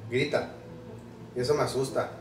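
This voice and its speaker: A man's voice: mid-range voice, steady tone, moderate pace, distant mic. A young man co-hosting a casual vlog, laid-back and slangy, joking around. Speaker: co-host, boyfriend. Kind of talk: casual chat. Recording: echoey room, a bit off mic, faint music.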